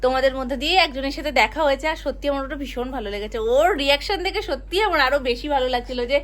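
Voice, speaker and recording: A woman's voice: high voice, rapid-fire. A woman, chatting casually to her viewers in a vlog. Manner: chatty, talks to a small child in a singsong voice. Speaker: vlogger.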